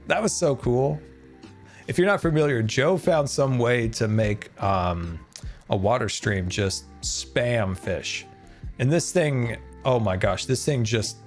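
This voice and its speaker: A man with a mid-range voice chats casually on a game live stream, excitable and talkative, thanking his viewers as he plays.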